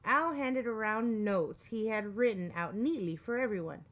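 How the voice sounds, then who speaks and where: A woman librarian reading a picture book aloud in an expressive storytime manner, with a light Texan accent. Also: a little high, moderate pace. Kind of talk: storytime read-aloud with character voices.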